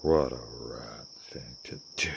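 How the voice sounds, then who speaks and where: Slow rambling older male storyteller. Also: extremely low pitch, vocal fry, a little hiss or hum. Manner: rambling, slow, many pauses and fillers. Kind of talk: improvised story narration. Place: outdoors in a garden.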